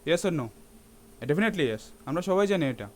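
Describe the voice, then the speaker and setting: A man's voice: fairly high pitch, very animated, moderate pace, slight background noise. A man teaching a math lesson in a classroom-lecture style, often asking his students rhetorical questions and slipping English terms into his speech.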